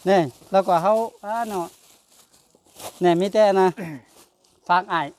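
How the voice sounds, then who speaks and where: A man's voice: high-pitched, steady tone, takes it slowly. Lao man chatting as a charity vlogger. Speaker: charity vlogger presenting donated gifts. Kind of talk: casual chat to a family and viewers.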